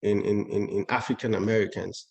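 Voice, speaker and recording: A man from Cameroon, a cardiologist guest, speaking in a measured way and repeating words as he thinks. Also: lowish voice, flat delivery, gravelly, darkish tone, muffled recording. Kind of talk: conversational interview.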